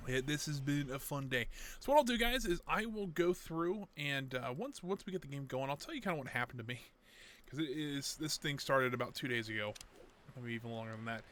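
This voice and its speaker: Brisk and a bit bright, this medium-pitched voice has lively intonation. The man is streaming a game on a headset mic, chatting loosely and muttering to himself while he gets his setup working.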